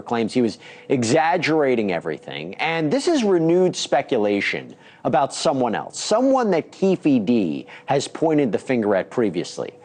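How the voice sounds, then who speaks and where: A man hosting an entertainment news show, reporting a court story and then interviewing a guest. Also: mid-range voice. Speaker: news host.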